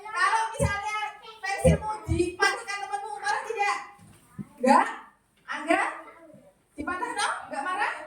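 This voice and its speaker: High coaxing Javanese teacher in classroom. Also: female voice. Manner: coaxing, playful questioning, mixes in Javanese words. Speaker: primary school teacher. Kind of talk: classroom lesson with children. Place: primary school classroom. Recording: roomy, far from mic, noisy class. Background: children chattering.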